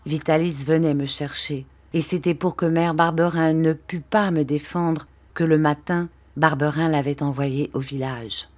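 A woman narrates a classic storybook in a low, deep-set voice. She reads slowly and clearly, letting each phrase settle. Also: steady tone, darkish tone. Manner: slow, clear reading. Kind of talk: storybook reading.

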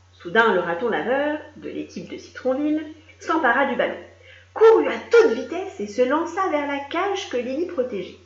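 Casting: woman storyteller, higher voice, very expressive read-aloud for kids, echoey lo-fi room. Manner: lively, animated, does character voices. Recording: echoey room, dull lo-fi sound.

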